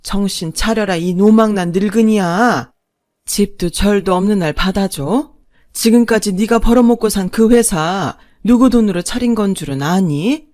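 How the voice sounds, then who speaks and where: A woman's voice: mid-range voice, moderate pace, darkish tone, close to an everyday voice. A woman voicing a fierce older mother-in-law who scolds with defiant force in a storybook narration.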